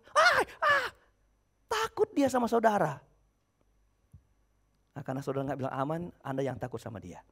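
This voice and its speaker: A male preacher with a high voice that swoops all over, preaching a sermon. He fires questions at the congregation and answers them himself. He jumps between loud shouted lines and quiet asides. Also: creaky. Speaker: pastor.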